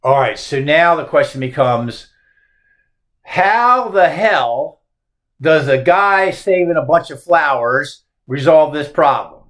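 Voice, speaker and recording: A man's voice: fairly high pitch, lively intonation, slow pace, fairly bright tone. A male teacher lecturing on a poem, posing emphatic rhetorical questions.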